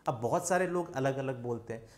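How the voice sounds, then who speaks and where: A man's voice: mid-range voice, fairly quick, darkish tone. A young man from India with an Indian accent, teaching an online spoken English lesson and quizzing viewers with repeated questions.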